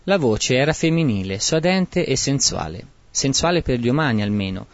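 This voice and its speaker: A man narrating a bawdy comic tale in a mock-solemn, lively way, in a dry, dull lo-fi recording. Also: medium pitch, normal speed, no room sound.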